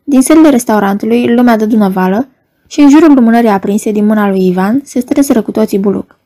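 Woman reading an audiobook, steady storyteller pace, kinda high but mellow. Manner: measured, storytelling. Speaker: narrator. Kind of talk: audiobook narration.

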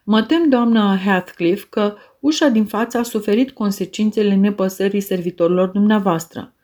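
Courteous, stiff young gentleman, read by a woman narrator. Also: mid-range voice, natural voice. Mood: formal. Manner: courteous, formal. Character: polite young gentleman visitor, formal.

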